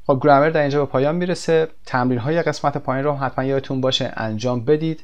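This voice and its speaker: A man teaching a recorded language lesson. He explains in quick bursts, pauses on fillers, and reads his example sentences slowly and carefully. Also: mid-range voice, fairly even intonation, lo-fi sound. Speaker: English teacher.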